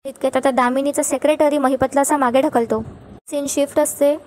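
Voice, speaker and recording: A woman's voice: high-pitched, steady tone, a little fast, a little mellow, slight background noise. A woman casually retelling the events of a TV serial scene by scene, dropping in English words now and then. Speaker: serial recap narrator. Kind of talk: casual story recap.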